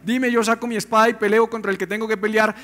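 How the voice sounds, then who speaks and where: A male pastor preaching a sermon in an animated, conversational way, full of rhetorical questions. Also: high voice, fast talker.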